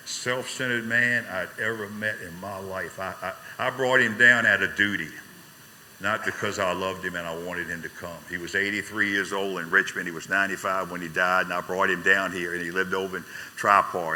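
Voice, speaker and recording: An older man giving an emotional personal testimony, earnest, swinging from intense outbursts to soft quiet moments. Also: sits low, big-room sound, poor audio. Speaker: speaker sharing his recovery story.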